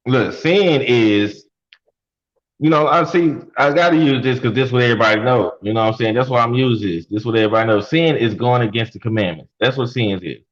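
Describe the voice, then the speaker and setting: A man's voice: mid-range voice, fairly quick, muffled recording. A young man in a casual podcast debate, talking bluntly in slangy street talk and pressing with questions. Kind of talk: casual debate over mics.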